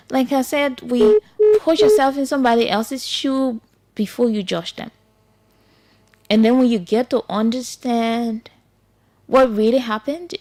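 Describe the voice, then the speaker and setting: A woman's voice: high-pitched, darkish tone. Earnest Liberian woman radio host. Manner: earnest, repetitive, pleading. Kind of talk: talk radio commentary.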